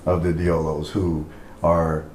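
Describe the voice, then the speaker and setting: A man's voice: a bass voice, monotone, takes it slowly, a little mellow. A man from Liberia talking conversationally as a podcast guest, telling his family and country's story. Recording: echoey room, faint background noise.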